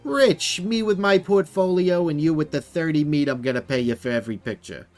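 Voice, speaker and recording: A man voicing a brash, fast-talking male hat photographer who flatters everyone and calls them baby, in a video game. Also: on the high side, soft background music, voice pushed up, lightly acted. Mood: pushy flattering.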